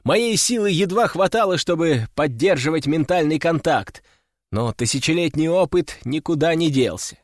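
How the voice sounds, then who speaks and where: A man narrating a first-person audiobook story in a wry, measured way. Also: a little high, lively intonation, no echo, studio quality. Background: faint music.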